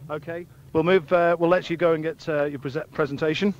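A man's voice: fairly high pitch, fairly even intonation, brisk. A man doing live, stammering trackside interviews for radio, repeating words as he goes. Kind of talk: live unscripted sports interviewing. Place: outdoors at a race circuit. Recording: dull outside-broadcast link, faint noise.

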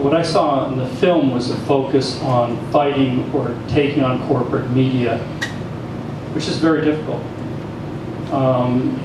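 A middle-aged audience member making an assertive, argumentative comment into a handheld mic. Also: male voice, mid-range voice. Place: small cafe gallery with audience. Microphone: handheld mic, far camera. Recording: echoey room from far off, noisy.

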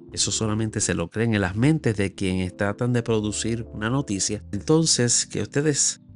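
A YouTube commentator from Puerto Rico, a man in his sixties with a lowish voice and Puerto Rican Spanish accent, scolds his viewers in an earnest solo commentary. He speaks emphatically and talks with his hands in a small room at home, close up to a large boom-mounted studio microphone.

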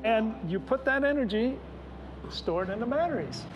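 A man's voice: high-pitched, expressive, normal speed, music in the background, rough recording. An older man, an engineering professor, explaining his work earnestly, with fillers and restarts. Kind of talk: explanatory interview talk.

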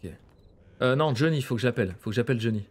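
A man's voice: mid-range voice, fast talker, breathy edge. A man casually commentating a horror game, chatty and joking with slang and asides. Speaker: gaming streamer. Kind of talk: let's play commentary.

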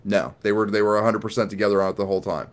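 A man's voice: on the low side, fairly even intonation, rapid-fire. Blunt, swearing man reviewing a movie. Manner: blunt, swears freely, rambling restarts; rhetorical questions answered himself. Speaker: podcast co-host. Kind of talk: casual movie review chat.

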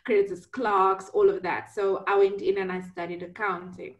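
A woman's voice: medium pitch, little pitch movement, moderate pace, dull audio. A South African woman in her thirties telling her story as a guest on a video call, giggly and easygoing, from a small room on a laptop mic. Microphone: laptop webcam on video call.

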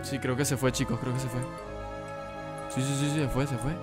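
A man's voice: mid-range voice, little pitch movement, fairly quick, over loud music. A young man giving casual let's play commentary, slangy and swearing, easily frightened. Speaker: gaming YouTuber.

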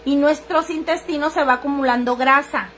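A woman's voice: sits high, steady tone, moderate pace, fairly bright tone, soft background music. A middle-aged woman, chatting crudely and casually while selling on a livestream and answering viewers' comments. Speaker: livestream seller.

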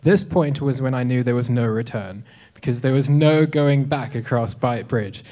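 A man in his twenties from South Africa tells a relaxed, self-deprecating story to an audience, often pausing on "um", speaking into a handheld microphone in a dim hall. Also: mid-range voice. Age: 20s. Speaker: speaker at a live talk event. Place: dim lecture hall with a projector screen.

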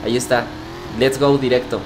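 A man's voice: medium pitch, flat delivery, moderate pace, noisy background. A young man, joking and repeating phrases as he comments on his gameplay. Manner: playful, joking, repeats phrases, laughs often. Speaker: gaming streamer. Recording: faint music behind.

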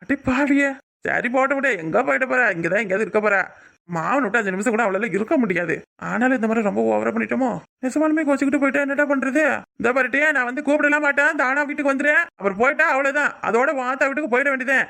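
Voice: sits high, fast, gravelly, pushed and bright, exaggerated voice. A performer with a Tirunelveli Tamil accent voicing an irritable young husband who grumbles and scolds his wife in a cartoon. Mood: worried. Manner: nagging, complaining rants. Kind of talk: cartoon voice acting.

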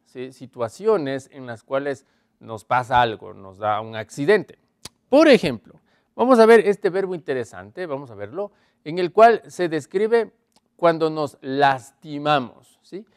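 A man teaching a televised English lesson, explaining patiently, checking in with his viewers and slowly drawing out model phrases. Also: fairly high pitch, lively intonation, darkish tone, no room sound, studio quality.

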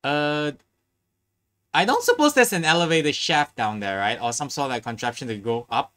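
Animated reaction host with wide pitch swings. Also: moderate pace. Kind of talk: casual live reaction commentary, reading subtitles aloud.

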